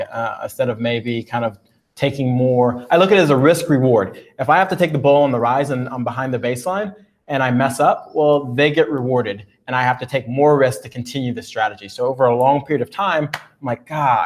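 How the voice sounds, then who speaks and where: A man's voice: mid-range voice, quick pace. A man tennis coach on a live panel, reflecting aloud on how he plays points. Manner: reflective, talks through his own thinking.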